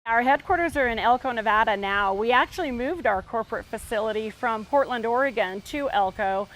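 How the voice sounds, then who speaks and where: A woman's voice: a little high, brisk, a bit bright. A woman from an industrial contractor speaking plainly in an interview.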